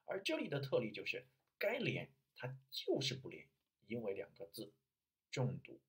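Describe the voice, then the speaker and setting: Lively husky-voiced male English coach. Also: medium pitch, normal speed. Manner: energetic teacher, switching between Chinese and English. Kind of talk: language lesson.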